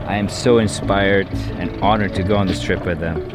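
A man's voice: low-pitched, steady tone, moderate pace. A young man from Iceland, a travel vlogger talking eagerly to a camera held at arm's length outdoors by a beach. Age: young adult. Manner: enthusiastic, talks to camera. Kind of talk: casual travel vlog. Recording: music playing under voice.

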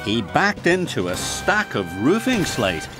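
A man narrating a children's story about work machines. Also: on the high side. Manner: slow, lively storytelling. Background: music.

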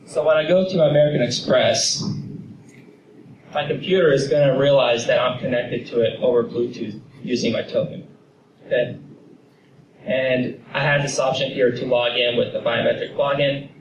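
A man's voice: medium pitch, steady tone, moderate pace, dull audio. A young man giving a confident tech presentation with a handheld microphone in an office meeting room. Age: young adult. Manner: confident, explanatory, casual fillers. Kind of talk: conference talk with demo. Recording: roomy, distant camera audio with noise.

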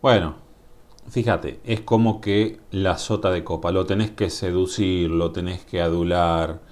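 A man with a Rioplatense Spanish accent reading tarot cards to camera in a musing, drawn-out way, often asking "mm?" to the viewer. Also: deep voice, steady tone, darkish tone. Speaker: tarot reader. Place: indoors at a table. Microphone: camera above the table, speaker off-screen.

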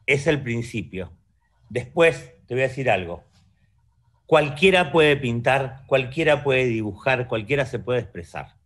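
Speaking from a room at home over a video call webcam, this Argentine man in his fifties is an artist guest in a relaxed interview. His mid-range, slightly bright voice is expressive and unhurried, and his Argentine Spanish accent colors his reflective remarks as he keeps checking in with the listener.

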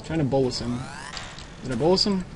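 A man's voice: medium pitch, animated, fairly quick, darkish tone, a little hiss or hum. A young man leading a clan in an online game, giving short repeated commands and live commentary into a headset mic. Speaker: clan leader giving orders.

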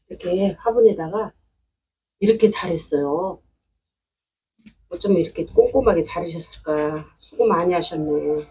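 A woman's voice: on the low side, darkish tone, far from the mic, slight background noise, low-quality recording. A woman unboxing succulent plants at home in a chatty, delighted way, exclaiming often. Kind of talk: casual unboxing commentary. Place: indoors at home.

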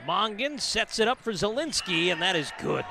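High-voiced man calling live volleyball. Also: sing-song, gravelly. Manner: brisk, rises to shouts on big plays. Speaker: play-by-play commentator. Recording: noisy arena broadcast feed. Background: gym ambience and ball bounces.

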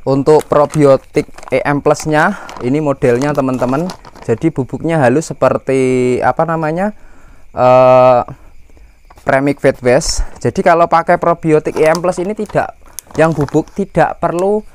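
An Indonesian livestock farmer hosts his own channel, walking viewers through an informal step-by-step farming tutorial and addressing them directly, somewhat hesitantly. His voice sits on the high side, unhurried, with a darkish yet clear, resonant tone.

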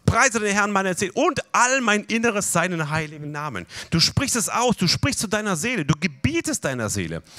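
A man preaching a sermon with animated delivery, leading the congregation through slow recitation of scripture. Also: high-pitched.

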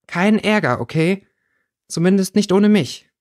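A man's voice: high-pitched, animated, unhurried, no echo, clean studio sound, pitched above the performer's own voice. A man reading an audiobook, voicing a defiant, tense teenage schoolgirl. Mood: teasing.

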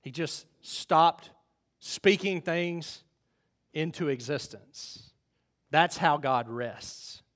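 A middle-aged man preaching a sermon, swinging between loud emphasis and hushed asides. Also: fairly high pitch, drawn-out words. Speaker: pastor.

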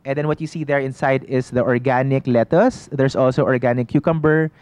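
A man talks through his shop's products as a talk-show guest, in a calm mid-range voice. He explains at length and keeps saying "you know" as he restarts his sentences. The studio sound is close and dry. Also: medium pitch, brisk, clean tone, dry recording. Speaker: organic food shop owner, studio guest.

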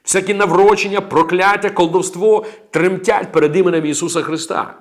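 A man's voice: high-pitched, fairly even intonation, brisk. A man preaching a sermon as a pastor, emphatic and declaring, breaking in with amens and praises.

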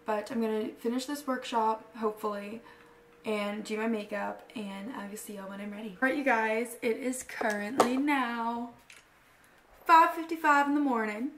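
Bubbly college-age female vlogger, sorority-girl chattiness, higher-pitched voice, roomy sound. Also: normal speed, far from the mic. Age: early 20s. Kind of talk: casual get-ready-with-me vlog chat. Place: small echoey rooms in an apartment and house. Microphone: handheld or propped vlog camera. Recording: roomy echo, faint background noise.

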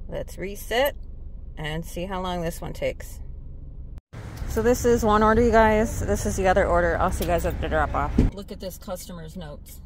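A woman, a delivery driver vlogging from her car, blunt and animated as she tells her stories. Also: fairly low pitch, moderate pace, a little hiss or hum, rough recording. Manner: exasperated, blunt, animated storytelling. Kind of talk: casual vlog venting to viewers.

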